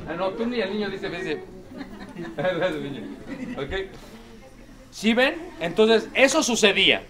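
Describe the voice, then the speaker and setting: Here a high-voiced preacher with a sharp tone delivers an emphatic, repetitive sermon, frequently addressing his congregation as "brothers."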